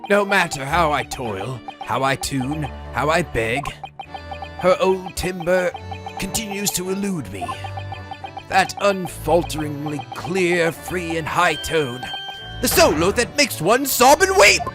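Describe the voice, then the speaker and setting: A performer voicing a melodramatic, despairing gentleman detective from a video game, in a florid, theatrical, lamenting way. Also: medium pitch, animated, slow, over music. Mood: anguished lament. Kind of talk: hobby game dub read-aloud.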